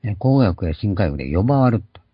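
A man's voice: low voice, big pitch swings, fast, husky, no echo. An older man preaching an earnest sermon, explaining and stressing key words. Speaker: pastor. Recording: dull lo-fi recording.

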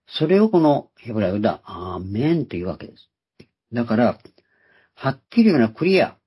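A man's voice: fairly low pitch, dark tone, breathy edge. A man giving a Bible teaching sermon, explaining terms one by one and repeating key words for emphasis. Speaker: preacher. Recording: dull lo-fi recording.

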